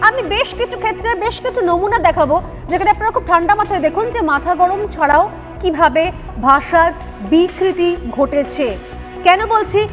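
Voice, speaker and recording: Fast, very high-voiced woman debate anchor. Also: soft background music. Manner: assertive, presses panelists with rapid repeated questions. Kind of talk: live TV panel debate.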